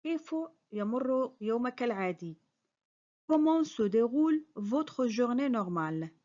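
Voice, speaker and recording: A French teacher with a high voice runs slow phrase drills, saying careful, clearly spoken model sentences, repeating each, and adding quick translations. She is expressive, speaks at a normal pace, and sounds mellow, though the highs are cut off.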